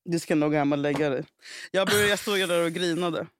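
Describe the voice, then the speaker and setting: A woman in casual podcast chat, telling a story in an animated way, swearing freely and acting out what people said. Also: lowish voice, no room sound, studio quality. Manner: animated, swears a lot, acts out quotes. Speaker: podcast co-host.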